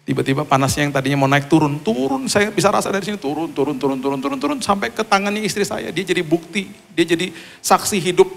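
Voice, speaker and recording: Male pastor, sermon with testimony; animated storyteller who acts out quoted voices. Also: fairly high pitch, fast, gravelly.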